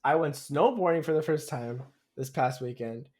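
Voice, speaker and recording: A man co-hosting a podcast tells stories in casual slang during a relaxed chat. He gives an animated retelling, acting out other people's lines as dialogue, in a medium-pitched voice at normal speed.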